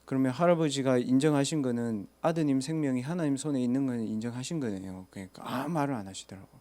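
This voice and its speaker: A man's voice: medium pitch, quick pace, warm tone. A man, a pastor telling a story in a casual sermon and asking listeners rhetorical questions. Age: 30s.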